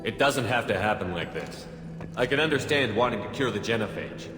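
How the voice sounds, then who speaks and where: An actor playing a firm, no-nonsense military commander in a sci-fi video game, measured and curt. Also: male voice, lowish voice, expressive, close to an everyday voice. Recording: echoey hall, game music over it.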